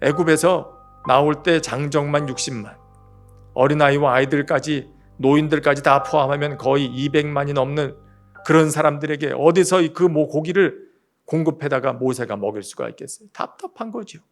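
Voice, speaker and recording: A man's voice: fairly high pitch, moderate pace, faint music behind. A man preaching a broadcast sermon as pastor, addressing listeners directly and asking them many rhetorical questions.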